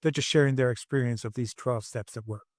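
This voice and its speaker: A man in his sixties, earnest and reflective, shares his life story as a podcast guest on a video call from home, frequently restarting his sentences. His ordinary-pitched voice moves a little fast with fairly even intonation, and the recording is dry.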